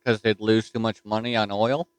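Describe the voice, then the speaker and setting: A man with a Newfoundland accent chats casually over a ham radio repeater from a desktop mic at his home desk, folksy and full of fillers. His voice is lowish with little pitch movement at a moderate pace, and there's background noise.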